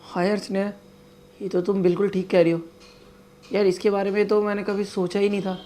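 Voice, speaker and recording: A man's voice: high-pitched, level tone, a little fast, warm tone, close to an everyday voice. A man acting as a young office-going husband who keeps protesting his wife's cost cutting in a scripted family skit. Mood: agreeing. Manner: protesting, exasperated.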